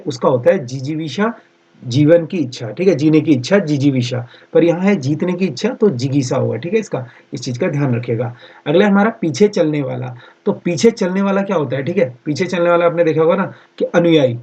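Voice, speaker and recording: A man teaching a Hindi exam-prep lesson, asking a question, answering it and repeating each answer slowly with constant "theek hai" fillers. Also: fairly high pitch, expressive, darkish tone, husky, highs cut off. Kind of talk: online class lecture.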